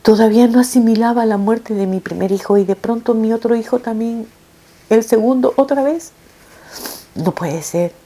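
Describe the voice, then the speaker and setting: A middle-aged woman, a mother, telling her viewers a painful personal story in an emotional, halting way, with frequent restarts. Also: on the high side, warm tone. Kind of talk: personal testimony told to viewers.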